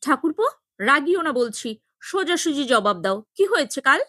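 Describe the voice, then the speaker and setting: A woman voicing a hot-tempered, sharp-tongued young sister-in-law who scolds indignantly, in a story reading. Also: sits high, lively intonation, brisk, no room sound, studio quality. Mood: indignant scolding.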